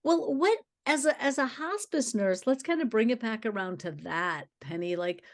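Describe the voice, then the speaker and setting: A woman's voice: fairly high pitch, animated, normal speed. A woman hosting a podcast interview in a chatty, reflective, conversational way, affirming what her guest says. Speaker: podcast host.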